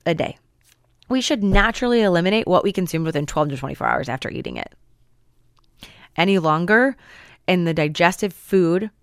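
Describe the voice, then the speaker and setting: A woman health practitioner holds a casual health talk, her voice sitting a little low for a woman. She keeps jumping up in pitch to act out patients and friends. The sound is dry and close. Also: dry recording. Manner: animated, acts out patients' voices.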